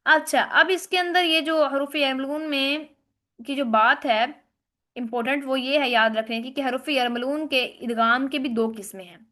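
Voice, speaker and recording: A woman teaching a tajweed class, explaining rules step by step and reciting Arabic words slowly and drawn out. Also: high voice, steady tone, a bit bright. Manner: explains rules step by step, asks and answers own questions. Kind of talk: tajweed lesson.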